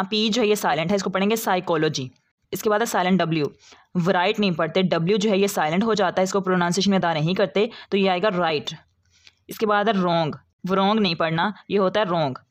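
Woman teacher, patient step-by-step explainer, steady mid-pitched voice, close voice-over. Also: fast talker. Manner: patient, methodical, repeats each rule. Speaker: English pronunciation teacher. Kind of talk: explanatory lesson.

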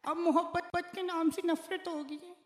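A man putting on a girl's voice as a heartbroken young woman, lamenting slowly in a high falsetto. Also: level tone. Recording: echoey hall from far off.

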